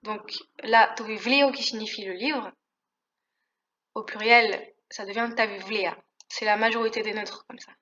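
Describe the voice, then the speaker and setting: A woman's voice: mid-range voice, fairly even intonation, unhurried, sharp tone, highs cut off. A woman teaching a language lesson in a casual, hesitant way, with fillers and self-corrections. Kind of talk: explanatory lesson.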